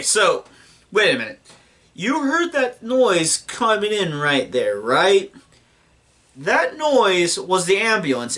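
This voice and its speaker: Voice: mid-range voice, fairly bright tone. A young adult movie reviewer ranting in disbelief and swearing often while talking through a film. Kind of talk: profane film review commentary.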